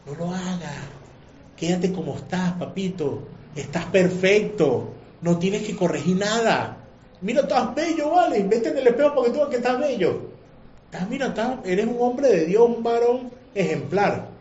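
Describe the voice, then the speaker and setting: A man voicing a soft, coaxing inner tempter. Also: high-pitched, animated, measured pace, roomy sound, lo-fi sound.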